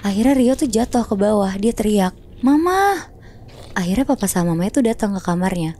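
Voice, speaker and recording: A woman's voice: medium pitch, fast, dark tone, a little hiss or hum. A woman casually telling a horror story on a podcast, chatty and slangy, acting out sounds.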